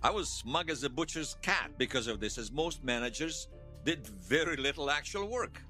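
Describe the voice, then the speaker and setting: An actor plays a wry, folksy Bosnian man recounting his past in an audio drama interview, using a mid-range, animated voice with a sharp tone at a moderate pace. Faint music plays behind as the interviewed storyteller spins wry tales packed with colourful folk sayings.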